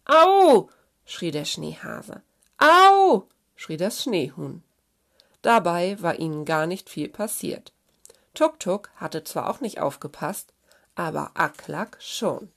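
A woman reading a children's story aloud in a gentle, expressive way. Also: sits low, slow, vocal fry.

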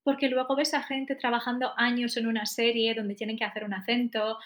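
A woman's voice: a little high, flat delivery, brisk, a bit bright. A woman with a Spain Spanish accent co-hosting a podcast, chatting in an opinionated way and often trailing off with little tag questions. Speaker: podcast co-host. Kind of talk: casual chat.

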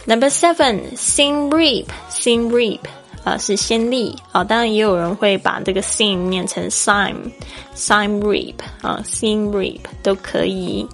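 A woman's voice: medium pitch, lively intonation, measured pace, creaky, soft background music. A woman from Taiwan with a Taiwanese Mandarin accent, hosting a podcast English lesson in a chatty, explaining way and spelling words out letter by letter. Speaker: English teacher and podcast host.

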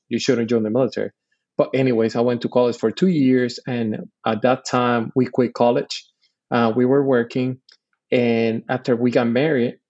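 A Puerto Rican Army veteran in his forties appears as a podcast guest, speaking in a medium-pitched, slightly dark voice on a muffled recording. He explains things earnestly and patiently in a casual way, using plenty of "you know" fillers.

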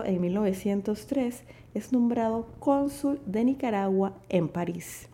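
A woman presenting a poetry podcast as scripted narration, in a formal, measured manner. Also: a little high, mellow. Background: background music.

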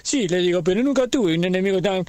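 A man's voice: sits high, lively intonation, quick pace, darkish tone, dry recording. A man playing a rambling, scaredy superhero with an Argentine accent. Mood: rambling, comic. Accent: Argentine Spanish. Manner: rambling storyteller, acting out every voice in his tale. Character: bumbling male superhero, scared and boastful. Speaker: comedic radio character. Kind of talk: comedy radio sketch.

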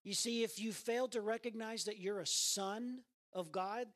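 A man's voice: unhurried, a bit bright. A man preaching a sermon in a church, earnest and repeating his phrases for emphasis. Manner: earnest, repeats phrases, acts out quoted voices in a raised pitch. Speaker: pastor. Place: church sanctuary.

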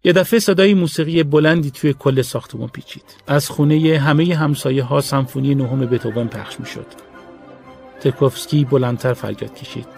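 Gravelly man narrating a story. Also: medium pitch. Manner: steady, measured storytelling.

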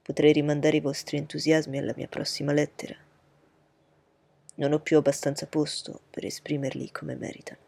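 A woman reading aloud voices a proud, reserved gentleman who speaks in a cool, measured, lecturing way. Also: sits low, little pitch movement, vocal fry, husky, no echo, exaggerated voice.

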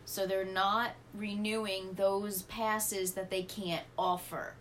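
A woman's voice: medium pitch, flat delivery, slow pace, a bit bright, slight background noise. A woman co-hosting a podcast who corrects and explains things to her co-host in casual chat.

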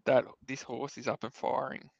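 A man with an Australian accent and a creaky, mid-pitched voice, recorded dry and a little dull. He co-hosts a casual sports betting podcast, speaking in halting bursts. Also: flat delivery, darkish tone, no echo. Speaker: podcast co-host. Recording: dull, close dry sound.

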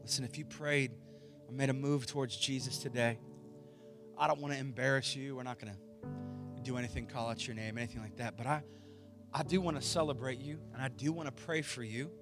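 A man's voice: medium pitch, fairly even intonation, fairly quick. A man speaking as a pastor in an evangelical altar call, informal and coaxing, with short repeated urgings. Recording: music playing under the voice. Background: instrumental music.

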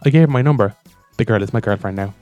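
A man's voice: on the low side, quick pace, mellow, lo-fi sound, faint music behind. A man co-hosting a casual chat, rambling and full of fillers as he retells and reads stories. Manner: rambling, filler-heavy with lots of "like". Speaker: co-host reading stories.

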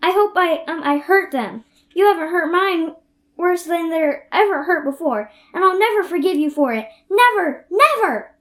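A fiery, imaginative orphan girl with a high, bright voice, as a young woman plays her. She gushes dreamily, then flares into shouting rage in a radio play. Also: normal speed, lightly acted. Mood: furious. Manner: dreamy then explosively furious.

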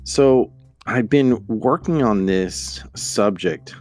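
A man with a low voice hosts a casual solo podcast over music. He meanders and hesitates, thinking aloud as he goes. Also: slow, darkish tone. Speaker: podcast host.

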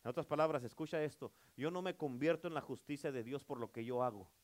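A male pastor preaching a sermon, emphatic, calling for amens and swinging between loud and soft. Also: mid-range voice, quick pace.

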